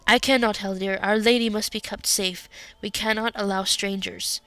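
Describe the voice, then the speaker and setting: A woman's voice: medium pitch, fairly even intonation, moderate pace, bright, forceful tone, no room sound, close to an everyday voice. Stubborn elf guard, formal, angry refusals, woman reading. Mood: stern.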